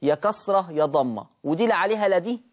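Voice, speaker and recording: This Tajweed lesson is taught by a man with an Egyptian Arabic accent whose voice sits high and sounds animated. Questions come thick and fast, and he answers each one himself. To demonstrate pronunciation, he draws example words out slowly.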